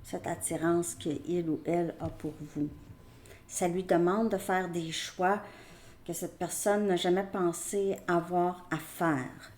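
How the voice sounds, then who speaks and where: Slow-spoken Québécois woman reading tarot. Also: on the low side, steady tone, a little mellow, a little hiss or hum. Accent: Québécois French. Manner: slow, hesitant, many fillers and restarts. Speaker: tarot reader.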